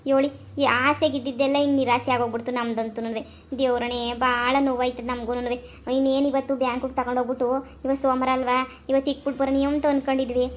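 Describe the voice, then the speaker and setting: A woman's voice: sits high, level tone, fast, close to an everyday voice. A woman playing a doting village mother who soothes and reassures. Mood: comforting. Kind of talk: village comedy skit acting.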